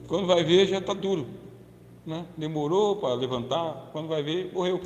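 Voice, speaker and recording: A Brazilian male pastor preaches in a chatty, joking way, tossing questions out to his listeners. His voice sits a bit on the higher side for a man. The sound carries a long, roomy reverb from the church hall. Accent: Brazilian Portuguese. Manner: jokey, chatty, asks the audience questions. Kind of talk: humorous sermon-lecture.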